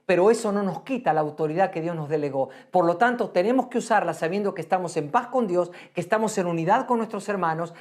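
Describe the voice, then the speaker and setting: A woman preaching a sermon in an earnest, emphatic way, repeating phrases for stress and slowing to a hush on key lines. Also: lowish voice.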